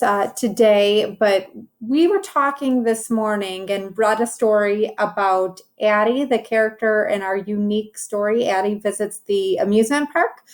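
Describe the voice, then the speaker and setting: A woman teacher with a medium-pitched, darkish voice reads a story aloud to young children. She uses simple, instructive phrases and adds encouraging comments about the pictures.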